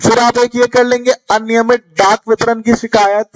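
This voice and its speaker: A man's voice: very high voice, little pitch movement, moderate pace, low-quality recording. A young man with a Chhattisgarhi Hindi accent teaching an exam revision lesson, chatting casually and speaking straight to his students.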